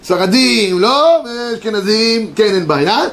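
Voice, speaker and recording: High-voiced rabbi teaching a class. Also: male voice, expressive, fairly bright tone, slight background noise. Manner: explains, reads sources aloud, checks in with students. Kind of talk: Torah class lecture. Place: classroom with students.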